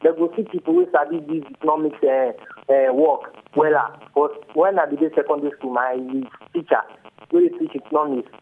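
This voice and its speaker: A man's voice: on the high side, very animated, brisk, gravelly. A man with a Nigerian accent speaking Nigerian Pidgin as a caller, giving his opinion conversationally. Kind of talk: conversational opinion on a call-in show. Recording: tinny, narrow phone line.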